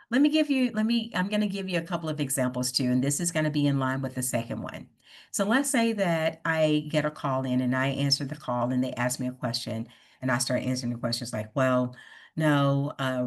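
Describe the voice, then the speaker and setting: A woman with a low voice runs a workshop over a video call. She coaches her listeners step by step and keeps checking in with "right?". The sound comes through a plain computer mic. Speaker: workshop presenter. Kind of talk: online workshop presentation.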